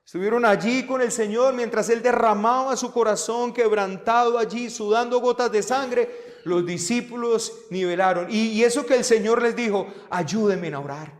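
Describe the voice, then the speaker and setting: A man's voice: very high-pitched, steady tone, moderate pace. A man, preaching a sermon earnestly and often addressing the congregation as brothers. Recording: long hall reverb, mic at a distance.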